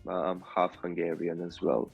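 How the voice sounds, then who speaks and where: Guest, male, low voice, stuffed-up nose, muffled like talking from a barrel, halting, faint music underneath. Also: steady tone, creaky. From Serbia. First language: Serbian. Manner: halting, with many fillers. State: feverish. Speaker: interview guest. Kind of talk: casual remote interview chat.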